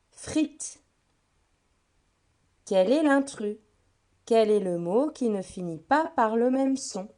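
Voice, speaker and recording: A woman giving a phonics lesson to a child, saying each word slowly and clearly and speaking to the listener directly. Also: mid-range voice, dark tone. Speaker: teacher.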